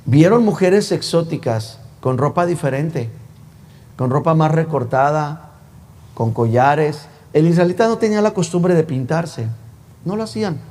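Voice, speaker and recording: A male pastor preaches in a chatty, teasing manner, peppering the congregation with rhetorical questions. His voice sits fairly high, and a long reverb from the church sanctuary trails every phrase. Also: expressive, measured pace, a little mellow. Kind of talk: sermon.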